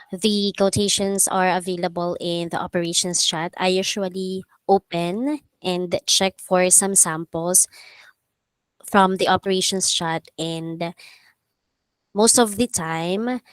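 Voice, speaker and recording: A woman's voice: on the low side, slow, smooth, no echo. A woman, a trainee politely and carefully answering in a work meeting, a little hesitant. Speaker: call center trainee.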